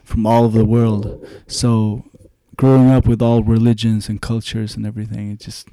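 Brief: Swedish-accented young man, mellow and dry, easygoing guest who trails off into fillers. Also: fairly low pitch, smooth, no echo. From Sweden. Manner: relaxed, halting, many "you know" fillers. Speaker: guest, dancer and musician. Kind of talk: casual interview conversation.

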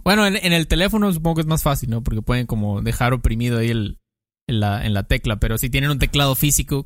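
A man co-hosting a podcast, playfully explaining Spanish grammar in casual chat, with quick examples. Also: medium pitch, dry recording, clean studio sound. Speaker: podcast co-host teaching Spanish. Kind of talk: casual language lesson chat.

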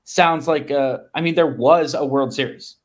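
An American man in his thirties, his voice on the high side, co-hosts a sports podcast. He chats casually, in a halting, conversational way.

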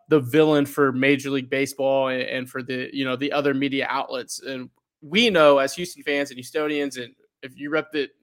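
A man speaking as a guest on a casual podcast, earnest and halting, with many restarts and repeated words. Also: mid-range voice, a bit bright, smooth. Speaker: podcast guest, fan media creator.

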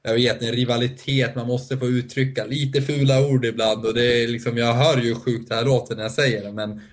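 A man's voice: medium pitch, flat delivery. A man talking on a podcast panel, hesitant and restarting often, laughing between points. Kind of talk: casual podcast discussion.

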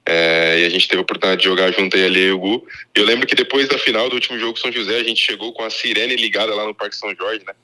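Low-voiced guy on speakerphone, really sharp tense sound, friendly rambling stories. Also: rapid-fire, few pauses. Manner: friendly, storytelling with many fillers. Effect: heard over a phone on speakerphone. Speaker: phone-in guest, former teammate. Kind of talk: casual chat.

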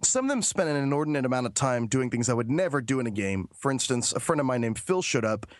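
A man co-hosting a podcast, chatting casually and telling animated anecdotes. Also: medium pitch, fast talker, no room sound, studio quality. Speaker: podcast co-host. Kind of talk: casual chat.

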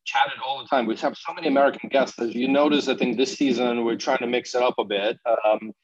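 A man's voice: mid-range voice, fairly even intonation, a little fast, crowd noise. Chatty man host, dull lo-fi sound. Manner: chatty, rambling with fillers. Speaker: podcast host. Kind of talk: casual chat. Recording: dull lo-fi audio.

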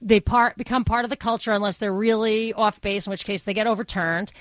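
A woman's voice: medium pitch, fairly even intonation, fairly quick, dry recording. A woman with a Brooklyn accent hosting a radio talk show, speaking conversationally and thinking aloud in opinionated digressions. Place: radio studio. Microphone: close studio microphone.

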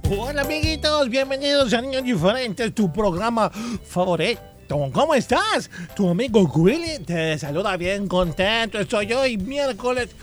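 A man hosting a children's program, greeting young listeners in a bright, high, sing-song welcoming manner. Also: animated, moderate pace, hardly any pauses, faint music behind. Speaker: children's radio show host.

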